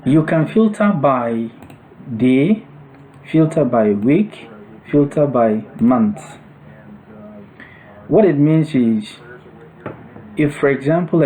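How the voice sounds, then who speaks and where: A male instructor narrates a step-by-step software tutorial in short, separated phrases. His voice is medium-pitched, and the audio quality is poor.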